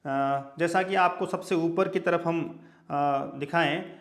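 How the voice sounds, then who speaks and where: A man's voice: a little high, slow, a bit bright. A male teacher giving a lecture, who spells out example words letter by letter and keeps checking in with his listeners. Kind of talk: classroom lecture.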